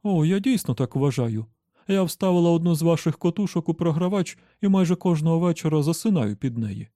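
Man doing a sugary gushing young woman, higher voice, dry sound. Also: expressive, fairly quick, dark tone, no echo, close to an everyday voice.

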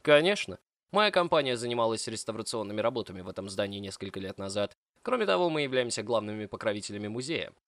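A man's voice: on the low side, sing-song, fast, a bit bright, no echo, studio quality. A man playing a commanding, confident lover.

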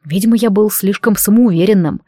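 Gruff brooding warrior lover, as a woman reads him. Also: medium pitch, brisk, warm tone, dry recording, studio quality, natural voice. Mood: wistful, flat.

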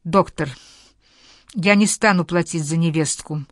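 A woman voicing a domineering, furious general's wife with a low booming voice, in a dry recording. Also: measured pace, dry recording, close to an everyday voice. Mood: cold, demanding. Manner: low booming voice, raging and scornful.

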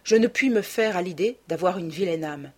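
A woman voicing an earnest, impassioned young aristocrat in an audiobook, with a husky voice. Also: fairly low pitch, expressive, normal speed, darkish tone. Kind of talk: audiobook character reading.

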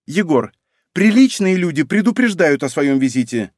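A man reading an audiobook, voicing a frightened, shrill wife with a high, ringing voice. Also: big pitch swings, normal speed, a little mellow, dry recording, studio quality. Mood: indignant. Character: frightened shrill wife, middle-aged woman.

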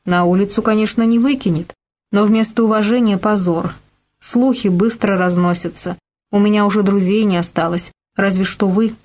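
A woman's voice: medium pitch, steady tone, normal speed, darkish tone, lightly acted. A woman voicing a sad, wealthy middle-aged wife who sighs and laments her lost standing. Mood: despairing. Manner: sighing, plaintive, lamenting.

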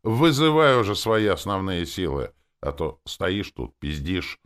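A man's voice: sits low, sing-song, measured pace, a bit bright, clear, resonant tone, pitched above the performer's own voice, full character voice. Man voicing a growling orc warrior. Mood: gruff. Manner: growling, coarse. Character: gruff male orc warrior. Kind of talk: audiobook character reading.

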